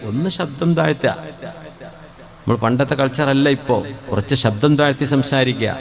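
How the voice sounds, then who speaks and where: A man's voice: medium pitch, moderate pace, creaky. A male Islamic preacher, giving a sermon in a conversational, questioning way and chanting short Arabic phrases in a melodic tone. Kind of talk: Malayalam religious sermon. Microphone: microphone.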